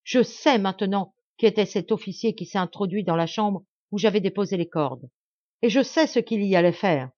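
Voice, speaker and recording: A woman voicing a proud, furious young male nobleman, declaiming forcefully in a dull lo-fi home recording. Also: medium pitch, lively intonation, moderate pace, pauses often, dry recording, lightly acted.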